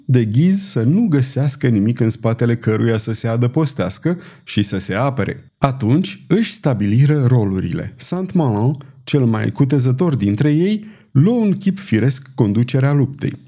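A man reading a historical novel as an audiobook narrator, in an expressive, dramatic way. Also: mid-range voice.

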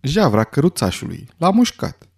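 A man's voice: fairly high pitch, big pitch swings, vocal fry, a little mellow, breathy edge, heavily acted. A man voicing a flustered middle-aged innkeeper in a storybook reading, blurting out short startled remarks.

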